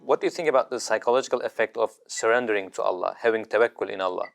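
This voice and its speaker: A man's voice: fairly low pitch, rapid-fire, vocal fry, faint music behind. A man interviewing a guest, asking polite, formal questions.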